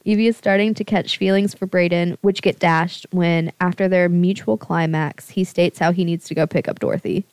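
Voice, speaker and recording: Low-voiced woman recapping a book. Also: fairly even intonation, a little mellow, clear, resonant tone, dry recording. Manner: brisk plot summary with laughs. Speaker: podcast co-host. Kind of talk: book recap, casual chat.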